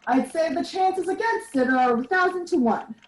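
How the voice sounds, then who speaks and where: A woman's voice: very high voice, expressive, normal speed. A young woman playing a dignified, skeptical male astronomy professor with a formal, assured manner in a radio play. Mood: assured, dismissive. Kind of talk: scripted radio play acting. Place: living room, video call. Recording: roomy video call sound.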